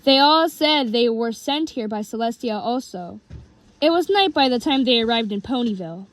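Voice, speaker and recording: A woman reading her own homemade story aloud, in a halting way with restarts. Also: on the high side, animated.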